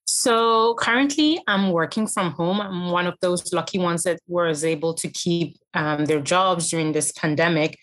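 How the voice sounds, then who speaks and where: A woman in her thirties from Belgium answers questions as a podcast guest. Her voice sits a little low, and she speaks in a measured, thoughtful way, pausing on small hesitations. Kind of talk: interview answers.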